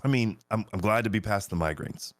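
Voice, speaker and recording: A man with school-age kids co-hosting a cooking podcast, congested from a cold and talking in a relaxed, hesitant way. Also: fairly low pitch, a little fast, dry recording. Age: adult with school-age kids. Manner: relaxed, hesitant with ums and restarts. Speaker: podcast co-host, home cook. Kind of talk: casual chat.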